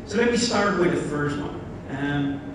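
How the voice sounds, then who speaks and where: In a large conference hall, a man from the Netherlands with a Dutch accent presents a keynote in a slightly high, expressive voice at an ordinary pace. He keeps it conversational and asks the crowd questions. Expect strong echo, distant miking, and background noise.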